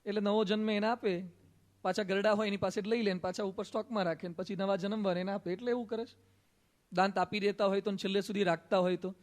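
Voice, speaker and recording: A man with a Gujarati accent, a monk giving a sermon, telling stories with quoted dialogue and gentle humor. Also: sits high, fairly even intonation, quick pace. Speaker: monk preacher. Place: assembly hall.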